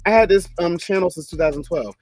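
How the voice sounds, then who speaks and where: A man's voice: sits high, fast talker, darkish tone, faint music behind. A man in his twenties talking to his channel in a rambling, profane, chatty way. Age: 20s. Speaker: vlogger. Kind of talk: casual chat to camera.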